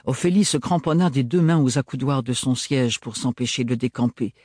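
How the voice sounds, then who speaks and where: A man narrating a novel in a measured audiobook reading. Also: mid-range voice, darkish tone, no room sound, studio quality. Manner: measured storytelling.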